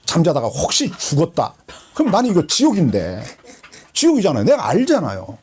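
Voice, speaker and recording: In a husky voice with a dark tone, a woman pastor delivers a sermon in a church built around her own testimony. Her storytelling is emotional, with swinging pitch and dramatized quotations.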